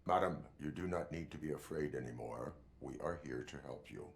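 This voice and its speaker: An actor playing a stoic robotic police mentor in a video game, speaking formally in a measured, steadying way. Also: male voice, a bass voice, vocal fry, full character voice. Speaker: field trainer.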